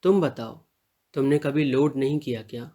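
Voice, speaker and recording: A man's voice: medium pitch, normal speed, mellow, natural voice. A man reading the part of a lovestruck young male college student in an audio story, earnest and pleading. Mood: affectionate.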